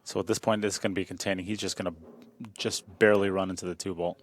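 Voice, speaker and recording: A man's voice: low-pitched, level tone, quick pace. A man commentating a pool match in a chatty, joking way, often repeating himself. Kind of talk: live sports commentary.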